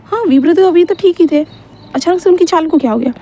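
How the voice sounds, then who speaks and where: A woman's voice: very high voice, quick pace, warm tone, voice pushed up. A woman doing a curious, pestering young classmate.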